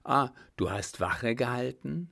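A man voicing a calm, watchful gentleman posing as a doctor. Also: medium pitch, slow, creaky, heavily acted.

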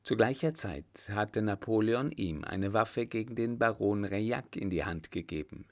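A man reading a historical novel aloud in measured scripted narration. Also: on the low side, animated. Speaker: audiobook reader.

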